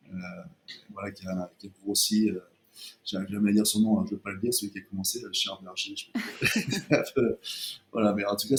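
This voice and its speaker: A chocolate brand's co-founder talks casually as an interview guest, hesitating and restarting often and filling gaps with fillers. His voice is fairly low, and a little hiss or hum can be heard.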